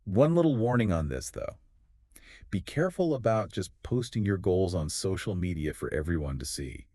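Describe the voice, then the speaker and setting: A very deep male voice that rises and falls expressively as he co-hosts an explanatory podcast. He speaks with confidence and lays out ideas in clear steps. The sound is dry and close, with no room around it. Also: big pitch swings, normal speed, mellow, no room sound. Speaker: podcast co-host.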